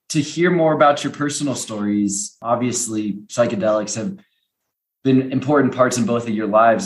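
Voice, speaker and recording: A man hosting a podcast, asking questions in an eager, enthusiastic way. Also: fairly low pitch. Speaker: podcast host. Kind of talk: interviewing. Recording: roomy echo.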